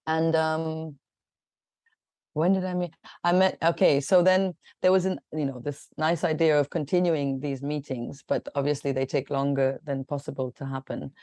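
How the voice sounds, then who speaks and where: Woman guest in her forties from Kenya, mellow low voice, loose chatty delivery with restarts. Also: fairly even intonation, normal speed, no room sound. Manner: chatty, laughs often, many fillers and restarts. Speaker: guest artist. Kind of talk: casual interview.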